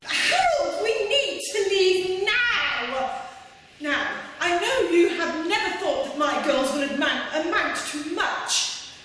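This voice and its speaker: Shrill camp panto wicked stepmother, super high and swoopy, haughty and gloating. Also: sing-song, takes it slowly, exaggerated voice. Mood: bossy, impatient. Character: wicked, snobbish, gloating pantomime stepmother, middle-aged woman. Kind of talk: theatrical stage pantomime acting. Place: staff pantomime stage in a hall. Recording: echoey hall from far off, faint noise.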